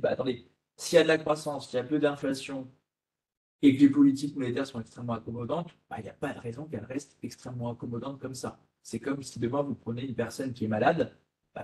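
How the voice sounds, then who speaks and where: A man's voice: medium pitch, a little mellow. A man, an asset management guest, explaining investment strategy over slides in a conversational way, asking himself rhetorical questions. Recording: echoey room.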